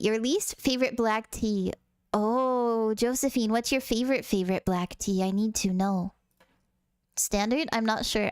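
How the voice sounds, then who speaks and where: A woman's voice: medium pitch, a little mellow, no echo, clean studio sound. Bubbly, swearing woman streamer. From United States. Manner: bubbly, chatty, swears casually. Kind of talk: casual gaming stream chat.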